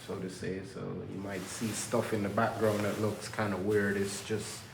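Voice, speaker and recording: A man's voice: on the low side, little pitch movement, moderate pace, creaky, noisy background. A man from Jamaica talking casually to camera in a loose, rambling way, from an indoor workplace under renovation. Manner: loose, rambling, preachy self-motivation talk. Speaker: vlogger. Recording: echoey room with faint ambience.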